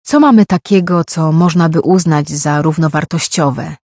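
A calm, authoritative woman council leader speaks firmly and asks pointed questions, as a reader puts her on. The sound is dry and close. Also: mid-range voice, moderate pace, no room sound, natural voice.

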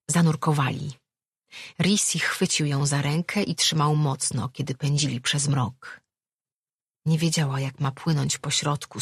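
A woman reading a story aloud in a steady, measured narration. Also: deep voice, breathy edge, dry recording, studio quality. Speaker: audiobook narrator. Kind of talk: scripted narration.

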